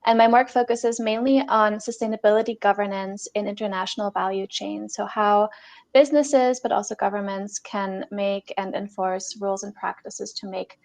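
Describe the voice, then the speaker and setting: Gravelly-voiced woman researcher. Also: medium pitch, steady tone, normal speed, a little mellow. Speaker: postdoctoral researcher, panelist.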